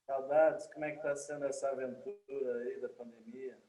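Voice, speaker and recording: A man's voice: mid-range voice, steady tone, moderate pace, dark tone, low-quality recording. Casual intro: man, holistic therapist, easygoing video-call chat. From Lisbon, Portugal. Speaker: holistic therapist, workshop participant.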